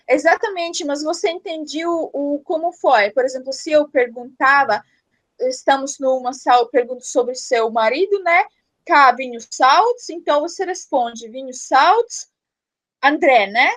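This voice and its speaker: A woman with a high voice teaches a language lesson at an unhurried pace. She pronounces each word slowly and carefully, and keeps checking that her students follow. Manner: slow, careful word-by-word pronunciation; explains patiently, checks with "né?".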